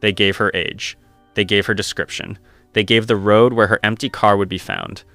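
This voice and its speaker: A man narrating a scripted horror story in a slow, grave, measured way. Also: lowish voice, fairly even intonation, fairly bright tone, dry recording, soft background music.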